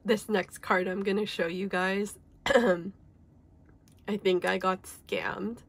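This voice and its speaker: Her voice a bit off from being sick, a young woman unboxes K-pop collectibles in a relaxed, chatty haul video. She talks slowly in a steady, mid-range voice, and fillers like "like" and "um" crop up constantly.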